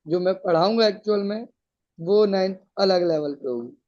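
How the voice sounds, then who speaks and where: A man's voice: high-pitched, normal speed, a little mellow. A male teacher explaining a science lesson to students, patiently checking that they follow. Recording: dull lo-fi sound.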